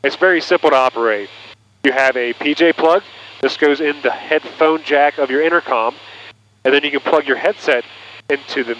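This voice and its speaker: A man's voice: fairly high pitch, normal speed, fairly bright tone. A man presenting a product demonstration in an instructional way, sounding like a pilot talking over a headset intercom. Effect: aviation headset intercom sound. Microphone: aviation headset through intercom cable. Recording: muffled cockpit intercom audio with noise.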